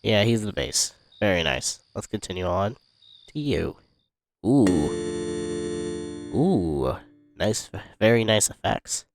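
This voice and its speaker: A man giving casual let's-play commentary on a music game, relaxed and hesitant with many fillers. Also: fairly low pitch, takes it slowly, pauses often. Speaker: gaming YouTuber. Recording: music playing behind the voice.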